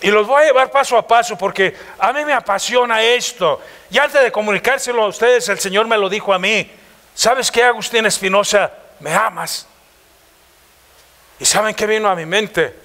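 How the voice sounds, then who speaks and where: A man's voice: high-pitched, fairly quick, few pauses, a bit bright. A man with a Mexican accent preaching a passionate church sermon, firing rhetorical questions at the congregation. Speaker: pastor.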